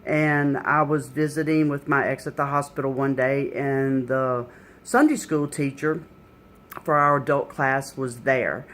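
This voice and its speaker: A woman's voice: extremely low pitch, fairly even intonation, measured pace, fairly bright tone, a little hiss or hum. A middle-aged woman, sharing a personal faith testimony in an earnest, conversational way, full of "you know"s.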